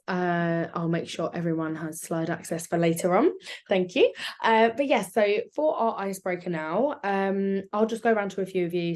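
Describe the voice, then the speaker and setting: Woman, South London accent, slightly low pitch, chatty, informal webinar host. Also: a little mellow. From South London, England. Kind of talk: informal live presenting to an online group.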